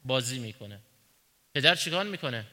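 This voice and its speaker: A man's voice: mid-range voice, expressive, pushed and bright, long reverb tail. A man preaching a sermon, asking rhetorical questions and answering them himself, and telling everyday stories to make his point. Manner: tells illustrative stories in everyday speech.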